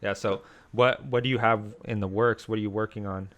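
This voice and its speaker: A man hosting a podcast who chats loosely, swears freely and gets excitable. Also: lowish voice, fairly quick. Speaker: podcast host. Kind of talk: casual interview chat.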